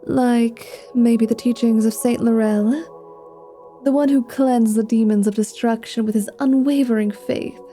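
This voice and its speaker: Speaking unhurriedly in a fairly high, steady, warm voice over soft background music, a woman gives a lightly acted ASMR roleplay performance. Her character is a vampire pretending to be a devout paladin, and she plays it sly, flirty and irreverent, full of teasing sarcasm and mock piety.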